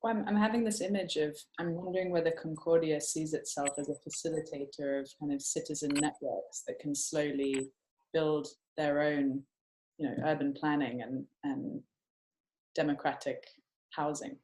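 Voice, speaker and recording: A woman's voice: low-pitched, steady tone, normal speed, darkish tone, a little hiss or hum, low-quality recording. A woman asking questions over a video call while the internet connection breaks up and drops out; she sounds tentative, apologetic and rephrases herself. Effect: choppy internet call dropping out.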